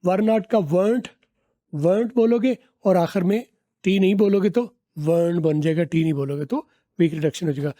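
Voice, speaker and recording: A man teaching English pronunciation, explaining step by step, repeating example phrases slowly and drawn out, and asking his learners to guess. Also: high voice, warm tone. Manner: asks learners to guess answers.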